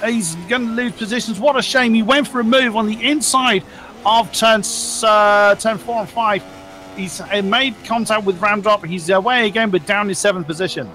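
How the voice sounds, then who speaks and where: A man's voice: high-pitched, moderate pace, sharp tone, a little hiss or hum. A man commentating live on a car race as a motorsport commentator, exclaiming and reacting to the action on track.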